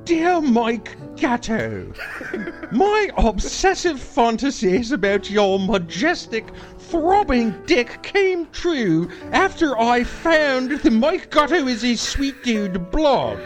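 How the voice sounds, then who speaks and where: A man voicing a flirty British woman reading her own letter, in a slow, breathy high falsetto. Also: sing-song, soft background music, heavily acted. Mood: sultry.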